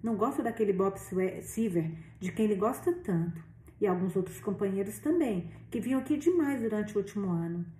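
A woman reading as an earnest, flustered gentleman. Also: mid-range voice, expressive, fairly quick, natural voice. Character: kindly middle-aged man, earnest and bewildered. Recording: roomy echo, distant mic.

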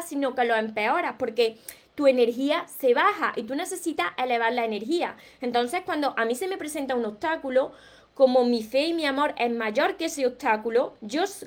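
A woman with a Peninsular Spanish accent hosting a live stream, answering viewers with earnest encouragement and often clearing her throat. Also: high-pitched. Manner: earnest, encouraging, reads viewer comments aloud. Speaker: livestream host, self-help speaker. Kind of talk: live Q&A, motivational talk.

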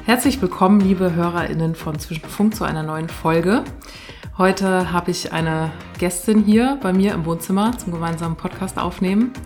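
Lower-voiced woman hosting a podcast. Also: moderate pace, soft background music. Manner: relaxed, friendly, with frequent fillers and backchannel murmurs. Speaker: podcast host. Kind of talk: casual conversational interview. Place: living room at home.

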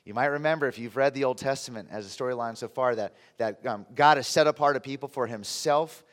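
Guy preaching, deep voice like he's a bit sick, stop-and-start emphasis, big echoey hall. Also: fast. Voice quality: unusually deep voice from being under the weather. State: under the weather, congested. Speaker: pastor. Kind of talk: sermon, conversational teaching. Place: large reverberant room, preaching to a congregation. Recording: reverberant hall sound.

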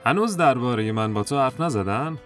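A woman voicing a wise old male kangaroo wizard in a children's audio story, speaking slowly in a lowered voice. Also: lively intonation, soft background music. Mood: gentle, solemn. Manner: slow, deep put-on voice.

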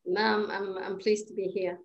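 A woman's voice: mid-range voice, level tone, moderate pace, muffled recording. A woman in her thirties from Eritrea, a guest on a podcast interview, talking at home with frequent restarts and easy laughter. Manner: hesitant, many restarts and fillers, laughs easily. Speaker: guest, cleaning business founder. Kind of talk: podcast interview, casual conversation. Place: at home during lockdown.

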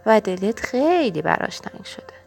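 A woman's voice: medium pitch, big pitch swings, vocal fry, soft background music. A woman reading a storybook, voicing a caring, patient father who soothes his upset child. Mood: gentle. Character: gentle caring turtle father.

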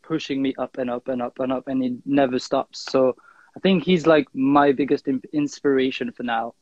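A man's voice: mid-range voice, little pitch movement, normal speed, darkish tone, no echo, highs cut off. A young man from Switzerland, chatting casually as an interview guest, full of fillers and restarts. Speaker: guest, freerunner and kendama player.

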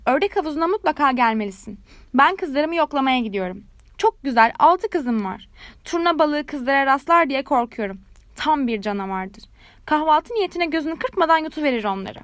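A woman's voice: high-pitched, animated, moderate pace, a bit bright, no echo. A woman voicing a chatty, self-satisfied frog in a storybook, who talks on and on sweetly. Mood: sweetly smug. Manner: gushing, nonstop talker, sweetly self-satisfied. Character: chatty, smug frog who loves her own voice.

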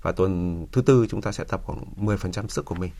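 A man's voice: deep voice, fast talker, creaky, mellow. A man speaking as an expert doctor, explaining health advice step by step with hesitant starts.

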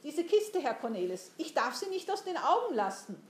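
A woman's voice: high-pitched, big pitch swings, normal speed, pitched above the performer's own voice. A woman voicing an eager, anxious teenage boy who pleads earnestly in a storybook reading. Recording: roomy echo.

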